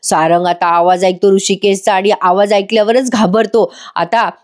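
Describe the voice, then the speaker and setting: A woman's voice: medium pitch, fairly even intonation, normal speed. A woman narrating a voice-over recap of a TV serial episode, chatting directly to her viewers. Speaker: TV serial reviewer.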